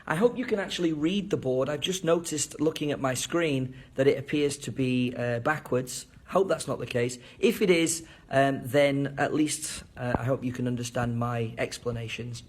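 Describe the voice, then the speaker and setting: A man's voice: mid-range voice, moderate pace, hardly any pauses. A man giving an enthusiastic video lesson on intonation, demonstrating rising and falling tones with his own voice. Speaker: teacher trainer.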